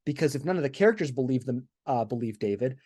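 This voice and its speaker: A man's voice: mid-range voice, lively intonation, quick pace, a little mellow. A man co-hosting a podcast, talking casually and enthusiastically, restarting often and checking in with "right?". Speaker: podcast co-host.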